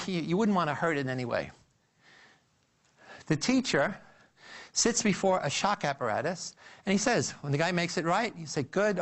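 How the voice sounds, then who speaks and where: A man lecturing to an audience, walking through an example step by step. His voice sits a little high. He tells it with animated energy, stumbling and restarting often. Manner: animated storytelling with frequent restarts.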